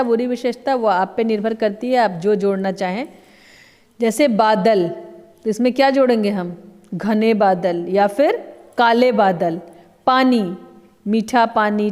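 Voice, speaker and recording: Woman teacher going thru lesson answers real slow, lots of examples, kinda high voice, echoey hall. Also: a little mellow. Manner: slow, patient, explaining with many examples. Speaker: Hindi teacher. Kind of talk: recorded grammar lesson.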